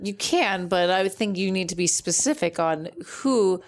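A woman's voice: fairly low pitch, expressive, unhurried, vocal fry. A woman role-playing casually at a tabletop game, speaking in character with an earnest, naive delivery.

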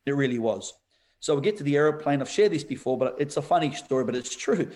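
In a podcast interview, a male pastor tells a story at a fast clip, his mid-pitched voice lively and animated. He laughs a lot and keeps calling the listener "bro."

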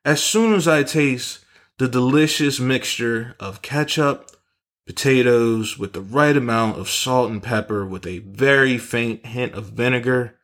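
A man hosting his own podcast, spinning a comic story at a brisk, animated clip. His voice sits at a middle pitch. He swears freely and keeps stopping to correct himself mid-sentence. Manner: animated, profane, self-correcting. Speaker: podcast host. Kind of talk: comedic storytelling monologue.

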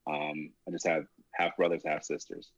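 A man's voice: a bass voice, level tone, moderate pace, no echo, muffled recording. A man from Jamaica, a comedian and podcaster, answering easily in a casual interview. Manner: easygoing, laughs between answers.

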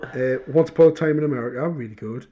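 A man's voice: medium pitch, fast talker, mellow, muffled recording. A man co-hosting a podcast in casual chat about films, with sweary, matey lad banter. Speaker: podcast co-host.

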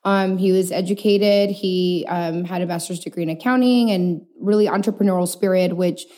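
A woman from El Paso, Texas, chats easily as a podcast guest, her voice warm and mellow. She talks through her story casually, laughs often and leans on small fillers. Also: lowish voice, steady tone, normal speed. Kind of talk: casual interview chat.

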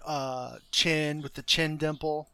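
A man at a tabletop game, describing his character in a halting way with lots of fillers. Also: fairly high pitch, level tone, pushed and bright, clean tone, no echo.

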